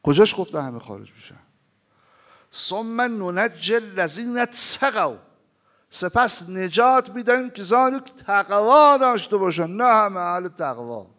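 A man preaching a sermon who recites scripture slowly and asks the listeners rhetorical questions, swinging between loud emphasis and hushed pauses. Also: high-pitched, big pitch swings. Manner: recites Arabic scripture in a slow chanting cadence, then explains it.

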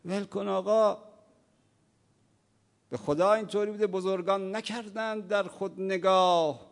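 A man delivers a sermon in a large hall, his fairly high voice carried by a long reverb. He tells stories, voicing their characters in dialogue. He moves between quiet narration and loud, impassioned preaching. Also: steady tone, vocal fry. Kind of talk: sermon with storytelling.

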